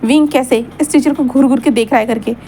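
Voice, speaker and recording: A high-pitched woman tells a fan story in a loose, chatty way, repeating herself and talking straight to her listeners. A faint ambient hiss sits under her voice. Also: brisk, dark tone. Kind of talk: narrating a fan story aloud.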